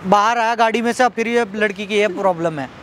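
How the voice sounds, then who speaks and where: Speaking fairly quickly over heavy background noise, an unwell vlogger with a high voice begs his audience to help a young woman. He keeps repeating his appeal and soothes her gently when she breaks down in tears.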